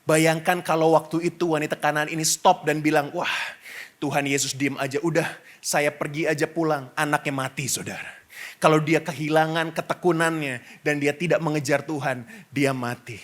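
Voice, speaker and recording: High-voiced male pastor preaching. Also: normal speed. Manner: lively, direct address to the congregation with frequent asides. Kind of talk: sermon. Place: church stage before a congregation.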